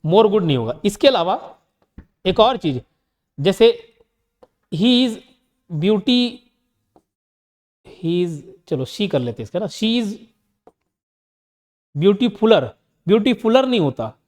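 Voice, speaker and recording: A man with an Indian accent teaching English grammar, asking his own questions and answering them, reading the example sentences out slowly. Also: sits high, very animated, darkish tone, in a large hall. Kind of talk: online exam-prep lesson.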